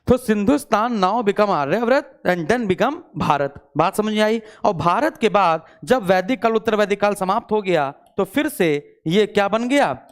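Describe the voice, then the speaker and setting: This is a male teacher in the middle of an online exam-prep lesson. He repeats each point, quizzes the class with quick questions and answers them himself, and drops in English words as he goes. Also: high-pitched, lively intonation, smooth. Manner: repetitive call-and-response questioning; mixes English words into speech.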